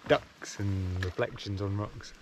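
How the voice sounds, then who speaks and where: Against a noisy background, a man in his forties talks slowly in a fairly low voice while paddling a canoe on a lake. His casual vlog narration is relaxed and thoughtful, sprinkled with chuckles, and is captured by an action camera on the boat.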